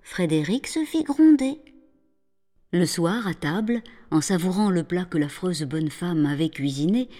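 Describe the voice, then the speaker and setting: A woman narrating a children's story in an expressive, lively reading voice. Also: fairly low pitch, moderate pace, few pauses.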